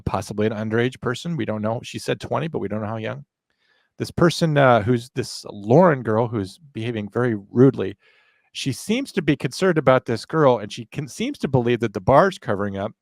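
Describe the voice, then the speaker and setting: A man's voice: medium pitch, vocal fry, dry recording. A man hosting a casual commentary show, explaining things in a sardonic way.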